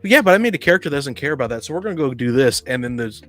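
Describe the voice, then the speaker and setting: Racing along with big swings in pitch, a man with a medium, slightly bright voice weighs in on tabletop roleplaying games as a podcast panelist. He's blunt and opinionated, frequently stumbling and repeating himself, over soft background music.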